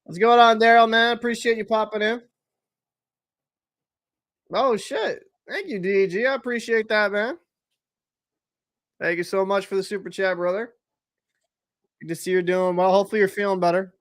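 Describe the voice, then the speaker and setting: Young male streamer, slightly high voice, casual rambling chat and play-by-play. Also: fairly even intonation, moderate pace, pauses often, a bit bright. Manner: chatty, joking, answers live chat, loose and rambling. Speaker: livestream host. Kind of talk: casual watch-party chat and commentary.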